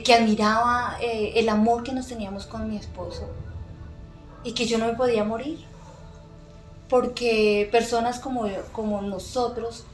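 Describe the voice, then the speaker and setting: A middle-aged woman with a voice on the high side appears as a podcast guest, sharing a personal faith testimony. Her storytelling is earnest and emotional, full of pauses and fillers, recorded in an echoey room with faint music.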